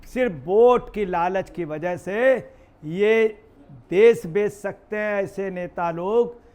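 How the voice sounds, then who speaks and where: Man, high-pitched, heated political commentary, rhetorical questions. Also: takes it slowly, a little mellow. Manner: emphatic, rhetorical questions, mocking impressions.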